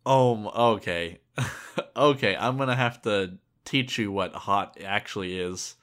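A man's voice: on the low side, a little slow, a bit bright. A man in his early twenties, a podcast co-host chatting casually with dry, teasing banter. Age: early 20s. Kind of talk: casual chat.

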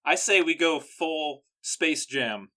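A man with a bright, forceful voice, casually pitching ideas and stumbling over restarts as he pushes them forward. He sounds eager and quick to jump in. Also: expressive. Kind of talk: casual brainstorming chat.

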